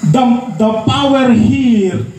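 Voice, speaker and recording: A Filipino man with a Filipino accent preaching a sermon at a youth camp, shouting and drawing out his words for emphasis. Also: very high-pitched, slow, distant mic, slight background noise. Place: large hall with a crowd. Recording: echoey hall, miked from afar.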